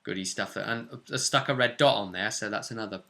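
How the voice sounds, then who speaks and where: British man, very bright voice, rambling animated game recap, casual chat. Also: on the low side, quick pace, vocal fry. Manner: rambling, animated storytelling with fillers. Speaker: podcast host recapping a tabletop game session.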